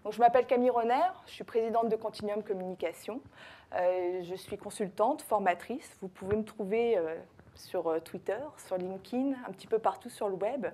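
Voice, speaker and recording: Talking a little fast in a warm, mid-range voice, a French woman with a French accent speaks at a conference before a live audience. She is a social media consultant and trainer. Many fillers and self-corrections mark her hesitant delivery.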